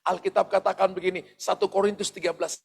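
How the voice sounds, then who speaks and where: A man's voice: high voice, little pitch movement, fast, gravelly, husky. A male pastor giving a sermon, speaking straight to his congregation with asides and the odd chuckle. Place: church service.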